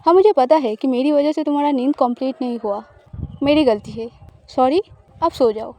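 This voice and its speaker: Woman doing a teasing possessive spouse, audio story, smug coaxing tone, high mellow voice. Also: normal speed, a little hiss or hum.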